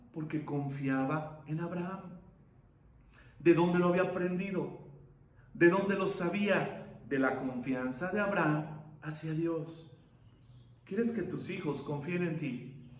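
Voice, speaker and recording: A male pastor preaching a sermon, asking rhetorical questions and pausing for effect. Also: high-pitched, roomy sound.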